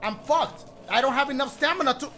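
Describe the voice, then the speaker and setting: A man giving let's play commentary on a horror game, yelping and cursing at every jump scare, then muttering low between them. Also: quick pace, heavy background noise. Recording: loud game music under the voice.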